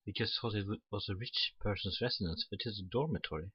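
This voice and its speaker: Fast and fairly low, this let's player's voice has a breathy edge as he reads story text from a game on his channel and drops offhand comments. The recording loses its highs, sounds roomy, and carries faint music underneath.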